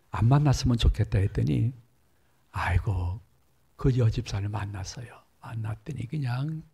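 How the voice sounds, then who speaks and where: A man's voice: gravelly, a little mellow, husky. A middle-aged male pastor preaching in a church, telling a story and acting out the voices in it. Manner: storytelling, acts out dialogue with big pitch jumps. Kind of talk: sermon. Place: church sanctuary.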